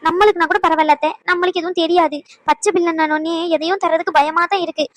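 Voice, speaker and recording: A woman voicing an anxious young mother in a cartoon, complaining fast about her sick child. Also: very high-pitched, fairly even intonation, dry recording. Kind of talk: cartoon voice acting.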